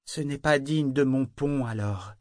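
A man voicing a living ship's figurehead, a proud female spirit who speaks in a low, bitter tone. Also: measured pace, a little mellow, no room sound, clean studio sound, close to an everyday voice. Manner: low and bitter, sometimes suave.

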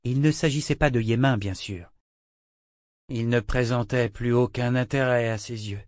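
Male audiobook narrator, measured storytelling, mid pitch, dry close mic. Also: dry recording. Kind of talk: scripted narration.

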